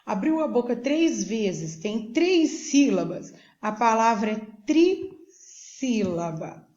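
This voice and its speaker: Slow, patient Brazilian woman teacher. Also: a little high, sing-song, a little mellow. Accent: Brazilian Portuguese. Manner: slow, patient, checks in with "tá joia?". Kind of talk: recorded remote school lesson. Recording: echoey room, dull lo-fi sound.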